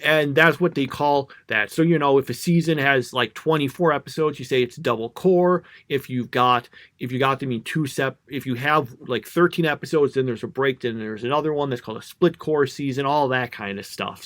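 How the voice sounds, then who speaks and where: A man's voice: medium pitch, moderate pace, fairly bright tone, no room sound. A man co-hosting a podcast in casual chat, rambling and second-guessing himself as he thinks aloud. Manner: rambling, self-doubting, thinks aloud with fillers. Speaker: podcast co-host.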